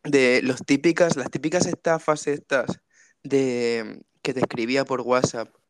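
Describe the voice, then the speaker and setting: At medium pitch and a measured pace, his tone steady, this co-host comes through with a little hiss or hum. He's a laughing, jokey storyteller on a casual comedic podcast who acts out quotes.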